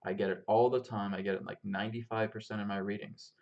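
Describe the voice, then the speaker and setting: A man with a fairly deep voice teaches on spiritual matters in an informal talk. He is emphatic, repeats his points and often checks in with listeners. The sound is a little dull and lo-fi. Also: flat delivery, fast, darkish tone. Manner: emphatic, repetitive, checks in with "okay". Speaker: spiritual teacher and healer hosting a live Q&A.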